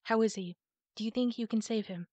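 Woman reading as a big scarred warrior tomcat, confident, commanding, gruff, storybook, dry close sound. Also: fairly high pitch, a little fast, warm tone, no room sound, lightly acted.

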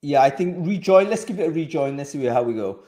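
A man's voice: fairly high pitch, expressive, fairly quick, mellow. A man hosting a live video-call panel, friendly and chatty, with frequent restarts and fillers, speaking into a headset from a home office. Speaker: host. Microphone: over-ear headset on a video call.

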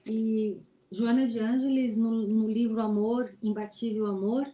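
Woman, study-group presenter; earnest, exhorting, fairly high and warm, laptop webcam in a small room. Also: level tone, unhurried, highs cut off. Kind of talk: reflective teaching talk. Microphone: laptop webcam on a video call.

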